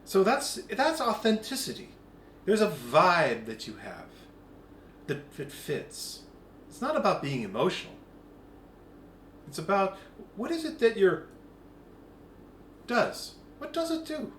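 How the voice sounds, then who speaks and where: Animated man giving an informal spiritual talk. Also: high-pitched, slow, pauses often. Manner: animated, acts out quoted voices. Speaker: spiritual group leader. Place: meeting room. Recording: echoey room with faint background hum.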